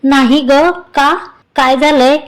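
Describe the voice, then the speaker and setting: A woman's voice: high voice, level tone, takes it slowly. A woman voicing a flustered, bashful young newlywed wife who scolds and coaxes her husband in a storybook reading.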